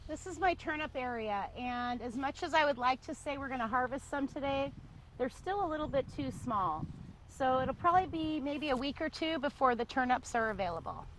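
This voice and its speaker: A woman's voice: high voice, expressive, brisk, slight background noise, poor audio. A woman on a casual show-and-tell tour of her vegetable garden, chatty and enthusiastic, often laughing. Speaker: small farmer giving a garden tour.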